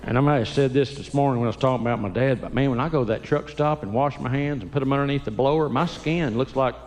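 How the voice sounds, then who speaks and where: A man's voice: medium pitch, quick pace, a little mellow, in a large hall, a little hiss or hum. An older man doing stand-up comedy in a church, folksy, teasing the audience and acting out quotes. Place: church sanctuary.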